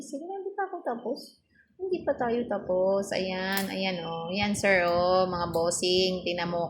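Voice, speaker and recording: A woman's voice: lowish voice, a little hiss or hum. A woman chatting casually in a vlog, teasing and coaxing her pet in playful baby talk while addressing her viewers.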